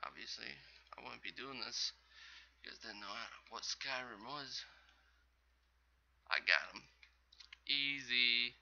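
Guy rambling casual game commentary, kinda gravelly, dull lo-fi mic sound. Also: mid-range voice, a little slow, pauses often, sharp tone. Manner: rambling, chatty, self-correcting. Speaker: gaming channel host.

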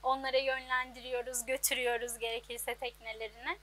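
A woman's voice: on the high side, level tone, a little fast, pushed and bright. A woman in her twenties who owns a laundry, answering interview questions plainly and hesitantly, with many fillers, in an outdoor workshop. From Turkey. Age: 20s. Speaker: business owner.

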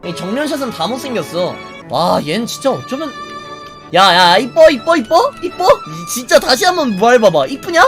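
A man streaming a fighting game, bantering crudely with lots of swearing, teasing and mock outrage, and answering viewer comments out loud. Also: very high voice, sing-song, normal speed, soft background music. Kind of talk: casual gaming stream commentary.

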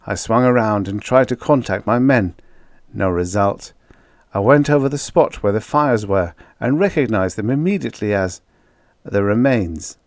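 A man voicing a calm but insistent male fighter pilot. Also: on the low side, dry recording, clean studio sound. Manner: earnest, insistent.

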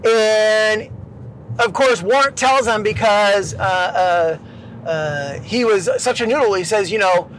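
A man's voice: high-pitched, slow pace, fairly bright tone, a little hiss or hum, low-quality recording. A former Navy boat crewman telling a story casually to camera, acting out the quotes with big swings in his voice.

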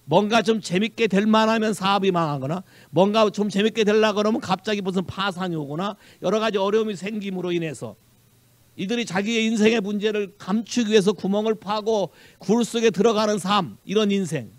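A man's voice: sits high, brisk, no echo. A male Korean pastor preaching a sermon with animation, mixing in English phrases and quizzing the congregation. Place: church sanctuary.

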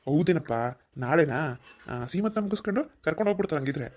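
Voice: mid-range voice, quick pace, close to an everyday voice. Voice actor doing a kind village uncle. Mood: friendly. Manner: calm, soothing, firm. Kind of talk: cartoon voice acting.

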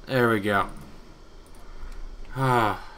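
Slow-talking sleepy gamer man. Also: fairly low pitch, slight background noise. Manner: chatty and excitable, talks to himself, hums along. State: sleepy, yawning. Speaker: gaming YouTuber. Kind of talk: casual game commentary.

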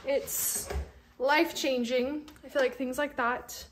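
A woman's voice: sits high, fairly even intonation, slow pace, noisy background. A young pregnant woman chatting casually to her phone camera at home, tired, with lots of fillers. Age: young adult. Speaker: vlogger, stay-at-home mom. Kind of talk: casual vlog chat. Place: large bright home kitchen and living room, indoors. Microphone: phone held at arm's length.

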